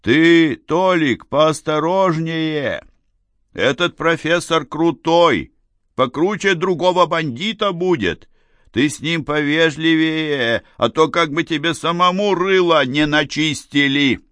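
A man's voice: fairly low pitch, lively intonation, takes it slowly, dry recording. A man doing a whiny, hungover drunk. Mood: warning. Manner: moaning, complaining. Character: hungover male small-time drunk, whiny. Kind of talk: audiobook character voice.

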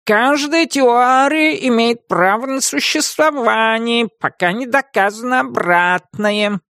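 Man doing a slow pedantic talking cat. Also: extremely high pitch, pushed and bright, dry recording, studio quality, pitched above the performer's own voice, heavily acted. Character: know-it-all talking male cat, touchy.

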